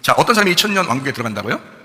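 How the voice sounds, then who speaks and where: A man preaching at a very fast clip, his voice bright and sharp-edged. He keeps firing rhetorical questions at his congregation and answering them himself, rising and falling in a lively, animated way. His words trail off into the long reverb of a church hall. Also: mid-range voice. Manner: animated, jumps between quiet asides and loud emphasis. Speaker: pastor. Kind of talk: sermon. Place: church sanctuary.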